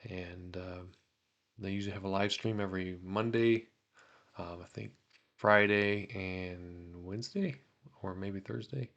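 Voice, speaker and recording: A young man with a low, gravelly voice hosts a relaxed hobby vlog. He talks loosely and fills his pauses with ums and uhs, and he reads letters aloud in the same easygoing way. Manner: relaxed, many fillers and pauses. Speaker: autograph collector vlogger.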